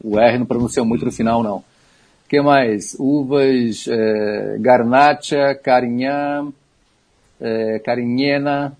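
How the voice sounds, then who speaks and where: A man's voice: mid-range voice, steady tone, takes it slowly, darkish tone. A man talking about wine on a radio show, explaining things in an easygoing way with small asides.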